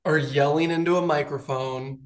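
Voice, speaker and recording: A man's voice: fairly high pitch, steady tone, normal speed. A man as a podcast guest in casual chat, teasing and laughing often, with lots of "like.".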